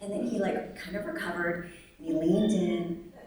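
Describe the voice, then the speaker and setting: A young adult woman, born in Vietnam and raised in the United States, telling a personal story on stage with wry humor and animated quoted voices. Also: fairly low pitch, moderate pace. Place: large echoey venue at a live event. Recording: echoey hall, distant mic.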